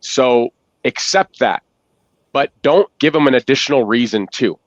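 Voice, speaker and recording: A man speaking as a consulting guest, measured and deliberate, using pauses. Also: medium pitch, no room sound. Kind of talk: business discussion with demo pitches. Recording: dry, muffled audio.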